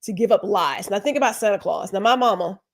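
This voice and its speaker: A woman co-hosting a podcast talks fast in a creaky, mid-range voice. Her casual conversation is emphatic and full of rhetorical questions.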